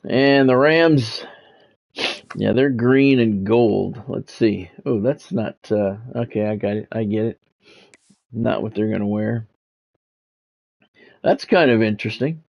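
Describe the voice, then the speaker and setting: Fairly low and gravelly, this man's voice moves slowly with frequent pauses, and the audio is dull. He's a video game streamer and play-by-play announcer giving laid-back live commentary with a sportscast flavor, thinking aloud.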